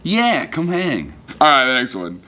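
A young man, a comedian co-hosting, trading quick, wry jokes in casual chat. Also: fairly high pitch, huge pitch swings, background noise. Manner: quick-witted, wry banter. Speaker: comedian and co-host.

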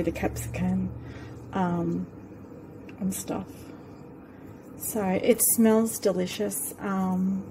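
A vlogger chats casually to a handheld phone camera in her home kitchen, rambling with many fillers. Her medium-pitched voice is mellow, and the poor audio carries a little hiss or hum.

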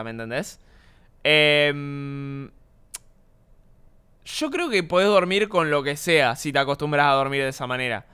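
Young Argentine male streamer, rambling casual chat, slightly high, smooth and clean voice. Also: fairly bright tone. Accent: Argentine Spanish. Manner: rambling, slangy, swears a lot.

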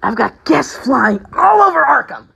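A woman voicing a manic, taunting male comic-book villain clown, theatrical and raspy, with drawn-out, swooping delivery. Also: high voice, very animated, dull audio, a crowd in the background, voice pushed up, full character voice. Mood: gleeful taunting. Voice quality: raspy, strained. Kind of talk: amateur audition reading of video game villain lines.

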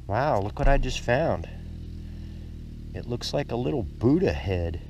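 An older man casually narrating his metal detecting outdoors on a lakeside beach, easygoing and excited at each find, recorded on a body-worn camera. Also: mid-range voice, a little slow, vocal fry, faint music behind. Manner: easygoing, excited exclamations at finds. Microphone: action camera worn on the body.

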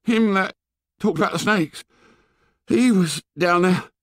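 Storybook schoolboy outsider: very high pitch, whining indignation, swooping delivery. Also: male voice, lively intonation, slow, vocal fry, fairly bright tone, dry recording, clean studio sound, exaggerated voice. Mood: frightened, gasping. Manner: shrill scolding tirade in ungrammatical speech.

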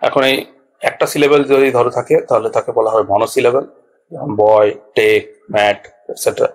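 A man's voice: lowish voice, low-quality recording. A man teaching a basic grammar lesson, patient and explaining each point step by step with small checks to his students. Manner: patient, repeats points with checks like "all right". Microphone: small clip-on mic.

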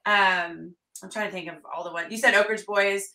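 Country singer lady telling her stories, bright voice, a bit off mic, gets loud when she acts stuff out. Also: mid-range voice, normal speed, reverberant, recorded from a distance, poor audio. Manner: animated, acts out quotes with loud bursts. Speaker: country singer and fiddler, guest. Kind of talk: storytelling interview chat.

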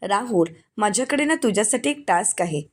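A domineering middle-aged aunt plotting over family property, read by a woman narrator. She speaks in a commanding, scolding way, at a medium pitch, like a storybook recap. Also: animated, brisk, lightly acted.

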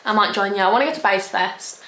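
A woman's voice: mid-range voice, fast, fairly bright tone. A young woman chatting through a clothing try-on haul vlog, bubbly and gushing with casual slang. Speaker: fashion vlogger. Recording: echoey room, faint hiss.

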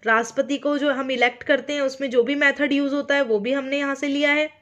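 An Indian woman teaching an online exam-prep lecture, speaking slowly on purpose and often checking in with her listeners. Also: sits high, fairly even intonation, a bit bright. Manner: mixes English terms into her explanations.

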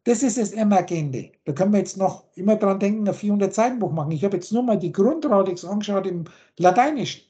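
Talking fast with few pauses, a woman lectures on a video call about word roots, rattling off long chains of words and their meanings. Her voice is medium in pitch, dark in tone, and has lively intonation.

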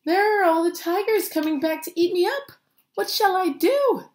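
A small, timid but clever boy from a storybook, put on by a woman reader. The voice is lifted high and plaintive, as if pleading. The room echoes around it. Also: expressive, a little slow, darkish tone. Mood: frightened.

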